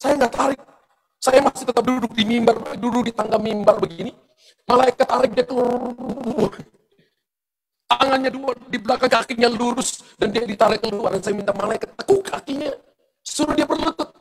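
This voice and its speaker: A middle-aged male pastor preaching a sermon in church, telling a story with lively testimony and speaking straight to the congregation. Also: very high-pitched, moderate pace, rough recording. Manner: animated storytelling testimony, addressing the congregation directly.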